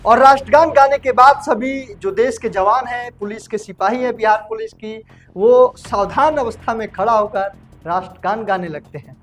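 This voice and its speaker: A man's voice: very high voice, normal speed, a bit bright. A man hosting a casual online news report, talking chummily to viewers and calling them brother. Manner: chatty, addresses viewers as brother. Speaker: news anchor.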